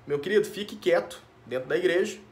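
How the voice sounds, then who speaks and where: A Brazilian man delivers a sermon in a relaxed, talky way, often tossing in little tag questions. His voice sits a bit high for a man. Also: fast. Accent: Brazilian Portuguese. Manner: informal, tag questions, addresses listeners as dear ones. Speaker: pastor. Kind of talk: conversational sermon.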